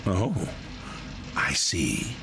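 A suave, sinister game villain with condescending, theatrical delivery. His deep voice swings through a huge range and carries a gravelly edge. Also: big pitch swings, very slow, music in the background, full character voice. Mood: silky menace.

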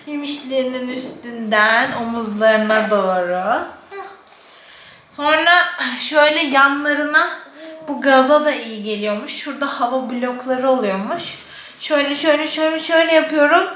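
Young mum, unhurried and very bright, talking to her baby as she demonstrates in a casual vlog. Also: a little high. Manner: talking to her baby in soft, affectionate sing-song asides while explaining. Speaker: mother demonstrating baby massage. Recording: roomy echo, faint background noise.

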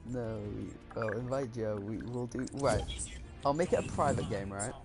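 A man's voice: medium pitch, moderate pace, over music. A man streaming a racing game with friends, chatting casually and rambling with lots of fillers and restarts. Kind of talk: casual gaming chat.

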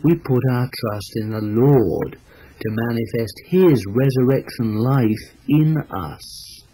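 A man reading a devotional book aloud in an expressive, emphatic way, slowing down on key phrases. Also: mid-range voice, breathy edge, low-quality recording.

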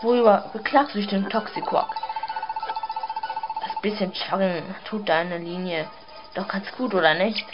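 A woman voicing a gloating male villain creature who taunts slowly, with game music behind. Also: medium pitch, lightly acted. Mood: mocking. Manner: sneering, drawn-out taunts. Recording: slightly dull sound, game music behind.

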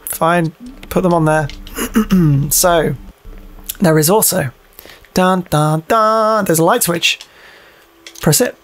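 A man hosts a gaming video of a horror game, offering casual, jokey commentary laced with swearing as he mutters to himself and reads on-screen text aloud. His voice is high-pitched, and he takes it slowly with frequent pauses.

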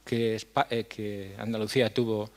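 An older man from La Mancha, head of a foundation, giving a speech on a dark stage at a stand mic, earnest and halting, with many fillers. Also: fairly low pitch, little pitch movement. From La Mancha, Spain. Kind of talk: conference speech. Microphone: stand mic at a lectern.

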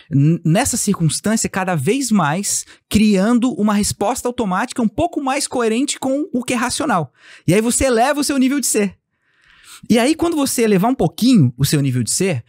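Lively man telling a story. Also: high voice, no room sound, studio quality. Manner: animated storytelling, acts out quoted dialogue. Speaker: podcast guest, company founder. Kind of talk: casual interview talk.

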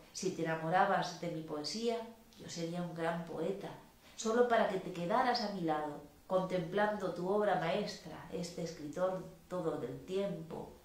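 A woman giving a public reading of poetic prose in a measured, expressive way. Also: medium pitch. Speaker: reader. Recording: very echoey room.

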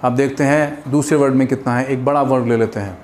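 A man teaching an English grammar lesson in Hindi and English with an Indian accent. He slows right down to spell out each English example. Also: medium pitch, fairly even intonation, darkish tone, a little hiss or hum.

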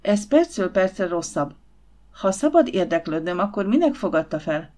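A woman voicing a spirited, quick-tempered young Victorian lady in an audiobook, speaking with raised, indignant emphasis. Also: mid-range voice, very animated, a little mellow, natural voice. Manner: indignant, exclaiming.

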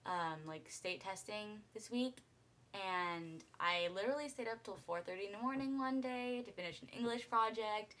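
Tired, raspy teenage girl rambling. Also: mid-range voice, moderate pace, a bit bright. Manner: rambling, full of ums and likes. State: hoarse and tired from lack of sleep. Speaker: cover singer and vlogger. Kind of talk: casual chat to camera.

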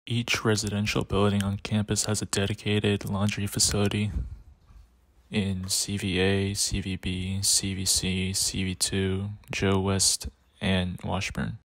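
Flat low-voiced young man reading. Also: no echo. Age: young adult. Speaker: student presenter. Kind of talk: read-aloud class project narration.

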